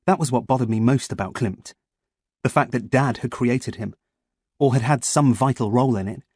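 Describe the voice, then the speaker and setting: A man narrating a first-person audiobook in a measured, expressive storytelling manner. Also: mid-range voice, husky, no echo.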